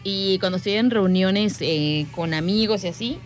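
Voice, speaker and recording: A woman co-hosting a show, talkative and animated as she tells a story. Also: medium pitch, normal speed, faint music behind. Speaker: co-host. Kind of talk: casual chat.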